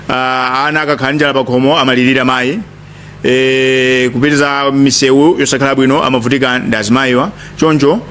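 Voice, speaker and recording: A man's voice: medium pitch, fairly bright tone, a little hiss or hum. A man with a Malawian accent giving an emphatic political speech at a press briefing, often repeating phrases. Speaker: lead speaker at a press briefing.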